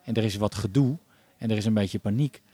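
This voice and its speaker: Guy on a podcast, low mellow voice, lots of ehs and restarts, easygoing chat. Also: a little fast, slightly rough, dry recording. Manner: thoughtful, many hesitations and restarts. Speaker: podcast guest. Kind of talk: casual podcast conversation.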